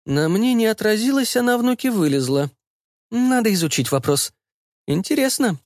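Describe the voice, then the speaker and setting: High, insistent, fussy mother voiced by a male narrator; bossy and doting, big swooping pitch, dry close sound. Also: expressive, moderate pace, a little mellow, dry recording. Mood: prying. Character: bossy, doting, meddling middle-aged mother.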